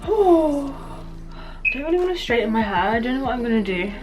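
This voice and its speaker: A woman's voice: a little high, very animated, rapid-fire, over music, low-quality recording. A woman vlogging casually about her routine, chatty and informal with self-deprecating asides. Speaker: beauty vlogger.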